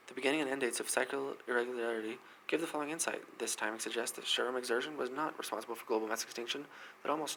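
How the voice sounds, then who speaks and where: A man hosting a weather news segment, reading articles aloud quickly with frequent slips and restarts. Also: medium pitch, creaky, bright, forceful tone, a little hiss or hum, low-quality recording.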